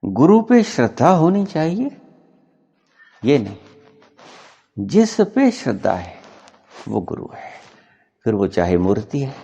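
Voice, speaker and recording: A man giving a spiritual discourse as a teacher, explaining slowly and deliberately and repeating his key points for emphasis. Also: mid-range voice, huge pitch swings, warm tone, husky, dull audio. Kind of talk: spiritual discourse answering a question.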